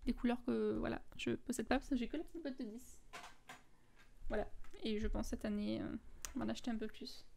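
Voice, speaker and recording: French woman chatting through her coloring pages, kinda high voice w some vocal fry, lots of ums and self-corrections. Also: fairly even intonation, a little fast, long pauses, dark tone, a little hiss or hum. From France. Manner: chatty, lists art supplies with many fillers and self-corrections. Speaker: coloring book vlogger. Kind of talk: casual show-and-tell of finished coloring pages.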